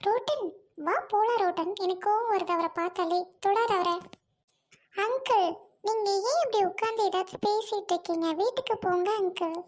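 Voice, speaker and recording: Brief: woman as a soothing, loyal young friend, Trichy Tamil accent, very high voice. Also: moderate pace. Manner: gentle, reassuring, repeats friend's name. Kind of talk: comedy skit acting.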